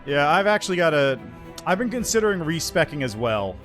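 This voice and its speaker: A man's voice: fairly high pitch, very animated, brisk, a bit bright, soft background music. A man chatting casually with viewers on a livestream through a headset mic, greeting them and reading chat aloud between gaming remarks. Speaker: streamer.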